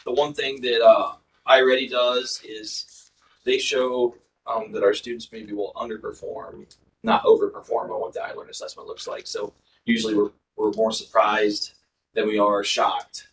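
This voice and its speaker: In a school board meeting room, a male district administrator reports test and attendance results informally, with frequent ums and uhs. His fairly low voice is flat and moderately paced, caught by a distant mic with slight background noise.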